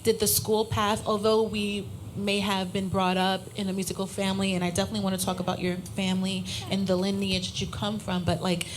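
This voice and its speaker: A young woman hosts a podcast in front of a live crowd and introduces her guest with effusive praise. Her pitch sits in the middle. Faint room noise from the venue is heard behind her. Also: monotone, brisk, few pauses. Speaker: podcast host. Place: live cafe event before an audience.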